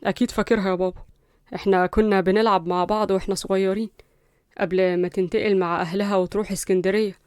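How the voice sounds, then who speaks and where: A woman's voice: mid-range voice, little pitch movement, quick pace, a little mellow, smooth, dry recording, studio quality, close to an everyday voice. A woman voicing a polite young male hero. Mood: curious. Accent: Egyptian Arabic. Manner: respectful, curious.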